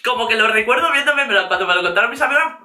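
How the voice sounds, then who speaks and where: Bright-voiced laughing Spanish woman vlogger. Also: a little high, racing, echoey room, faint music behind. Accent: Spain Spanish. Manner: lively, laughing, acts out quotes. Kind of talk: storytime monologue.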